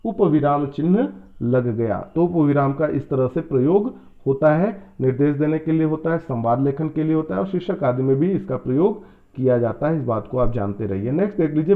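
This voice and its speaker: A man with a somewhat high voice teaches a grammar lesson for exam students. He explains each point step by step and keeps checking that his listeners follow. He reads out the example sentences in a changed tone, and the sound is thin and tinny, like a phone line. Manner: explains step by step, often asks "है ना?" and "क्या लग गया?".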